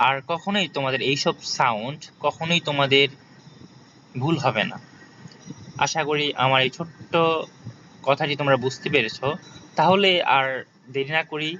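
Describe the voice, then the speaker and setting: A man's voice: medium pitch, pushed and bright. A man teaching English pronunciation in a casual lesson, talking straight to his viewers and repeating example words to drill each sound. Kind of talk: casual spoken lesson, addressing viewers informally. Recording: slightly dull with faint background noise.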